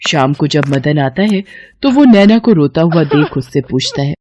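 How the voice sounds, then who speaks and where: A woman narrating an animated moral story in a steady, plain storytelling manner. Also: low-pitched, normal speed, no room sound.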